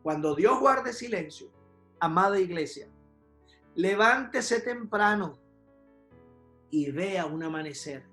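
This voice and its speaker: Slow, emphatic preacher in an echoing church. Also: medium pitch, fairly bright tone. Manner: emphatic, with rhetorical questions and repeated "¿sí?". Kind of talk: sermon. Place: church sanctuary. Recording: roomy church hall with faint music.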